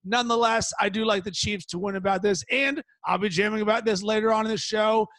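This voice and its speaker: A man with a strikingly high voice hosts a sports betting show on his own. He talks in an emphatic, punchy way and leans on stretched words. The sound is dry and close. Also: fairly even intonation, fast, fairly bright tone, dry recording. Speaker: podcast host. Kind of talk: sports betting podcast monologue.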